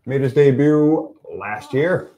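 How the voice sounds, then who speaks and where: A man's voice: mid-range voice, slow pace, dark tone. Man running down fighter stats. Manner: plain commentator-style rundown of fighters. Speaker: podcast co-host. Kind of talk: casual fight-promotion podcast chat.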